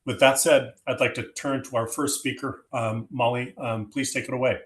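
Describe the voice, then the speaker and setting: A man hosting a scientific meeting, introducing speakers semi-formally in a halting, hesitant way. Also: mid-range voice, steady tone.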